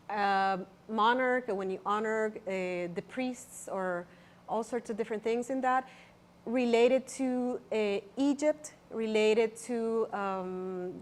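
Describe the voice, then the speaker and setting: This Salvadoran artist walks visitors through her exhibition in a casual gallery talk. Her voice is high and her delivery is hesitant and anxious as she hunts for the right words.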